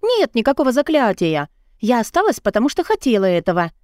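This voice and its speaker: A woman's voice: fairly high pitch, big pitch swings, a little fast, a little mellow, no echo, clean studio sound, voice pushed up. A woman voicing a defiant young daughter who speaks in a raised, insistent way, her voice lifted above her usual register.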